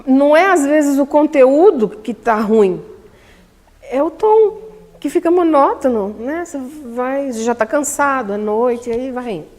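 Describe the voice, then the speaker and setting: A woman's voice: high voice, expressive, measured pace, darkish tone. A Brazilian woman teaching public speaking at a seminar, talking emphatically and asking the audience questions. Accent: Brazilian Portuguese. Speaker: lecturer at a spiritist center seminar. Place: community hall. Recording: long hall reverb.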